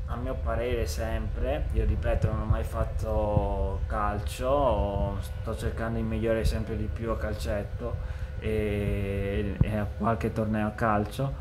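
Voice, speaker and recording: A man giving a casual football match analysis, speaking haltingly and hesitantly with long pauses. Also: fairly low pitch, level tone. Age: 20s. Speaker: amateur football commentator. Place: indoors, room with bookshelves. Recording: clear background noise.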